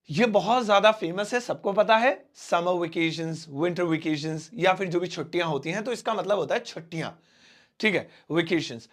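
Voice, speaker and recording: Guy teaching english, fairly high voice, slow and repetitive explaining. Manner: explains slowly with Hindi examples, repeats words. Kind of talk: spoken English lesson.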